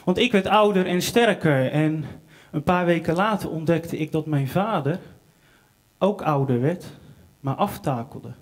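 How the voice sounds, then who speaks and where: A man's voice: a little high, measured pace. A young man on a small theater stage at an open mic night, telling a wry, self-mocking anecdote into a stage microphone. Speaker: comedian and singer-songwriter. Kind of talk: live stand-up storytelling.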